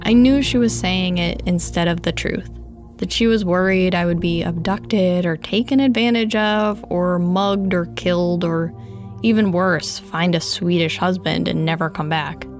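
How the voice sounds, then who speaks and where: A woman reading a first-person memoir aloud in a calm, measured storytelling voice. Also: lowish voice, faint music behind. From United States. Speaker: narrator.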